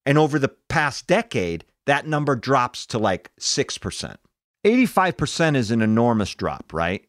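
A man's voice: medium pitch, very animated, normal speed, dry recording. Dry, close-recorded male true crime narrator. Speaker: true crime podcast host. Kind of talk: true crime narrator, conversational podcast delivery.

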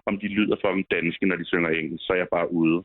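A man's voice: low-pitched, steady tone, dry recording, phone-quality sound. A man co-hosting a casual podcast chat, blunt and opinionated, swearing casually. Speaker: podcast co-host. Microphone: remote call line.

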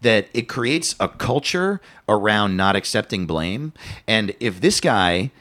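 A man co-hosting a podcast in casual chat, swearing often and thinking out loud with restarts. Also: lowish voice, slow. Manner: animated, swears a lot, thinks aloud with restarts. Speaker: podcast co-host.

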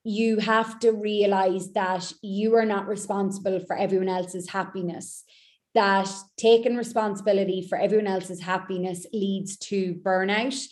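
A woman's voice: medium pitch, fairly even intonation, normal speed, a little mellow. A woman speaking as a mindset coach in a podcast interview, making her points in short, emphatic, repeated sentences.

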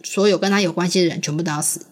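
A mother chats with her small daughter about a story in a rather low voice. She asks patient questions and laughs easily. She sounds like a woman in her thirties. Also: steady tone, very fast. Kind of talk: casual storytelling chat with a child.

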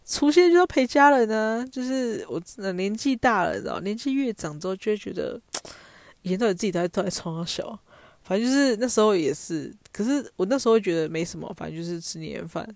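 A woman's voice: medium pitch, expressive, fast, a little mellow, no room sound. A young woman with a Taiwanese Mandarin accent, telling stories in a chatty, self-mocking way as a podcast host. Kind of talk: casual storytelling monologue.

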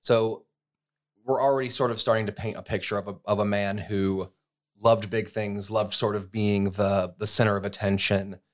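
A man in his thirties from the United States, co-hosting a podcast with a fairly low voice. He tells a story in an easygoing, conversational way, full of fillers and restarts. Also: fairly even intonation, normal speed. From USA. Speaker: podcast co-host. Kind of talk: casual chat.

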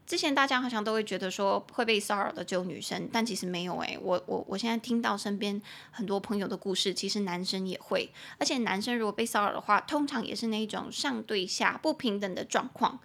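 A woman from Taiwan hosting a bilingual English lesson podcast, chatting casually and slowing down to spell and repeat English words. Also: medium pitch, vocal fry, fairly bright tone. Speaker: podcast host teaching English.

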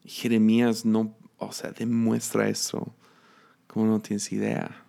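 A man's voice: on the low side, completely flat delivery, unhurried, creaky, dark tone. A man with a Mexican accent, teaching a conversational sermon in a reflective, chatty way. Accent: Mexican Spanish. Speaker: preacher.

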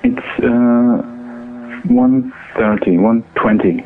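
A man calling in over the phone, speaking hesitantly with many pauses and fillers. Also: mid-range voice, huge pitch swings, creaky, soft background music. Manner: hesitant, halting, full of fillers. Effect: heard over the phone. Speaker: caller. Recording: tinny phone line.

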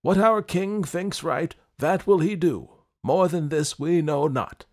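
A man's voice: a little high, slow pace, darkish tone, voice pushed up. A man voicing evasive palace attendants who answer in a raised, guarded tone.

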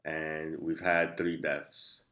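A man's voice: rumbling low, little pitch movement, extremely slow, fairly bright tone. A man. He speaks as a guest in an interview, laying out explanations from his own line of work. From Angola. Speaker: interview guest, founder of a nightlife and tourism company.

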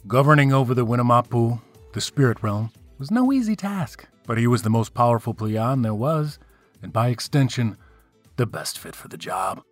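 A man's voice: mid-range voice, expressive, normal speed, no room sound, faint music behind. A man telling a myth in a playful, wry way, with casual asides to the listeners. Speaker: storyteller. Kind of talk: casual storytelling narration of myths.

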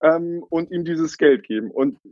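A man's voice: a little high, a little slow, darkish tone, no room sound. Young man, casual storyteller, fillers, dry close sound, muffled lo-fi. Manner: chatty, many fillers, laughs often. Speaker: coffee cart founder.

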